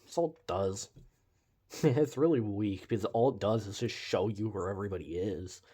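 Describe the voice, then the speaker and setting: Young male reviewer with a lower voice, talking loosely over gameplay, with wry asides. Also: moderate pace, warm tone, slightly rough. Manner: rambling, uses many fillers like "like" and "uh"; wry, mildly sarcastic asides. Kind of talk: casual game commentary over gameplay.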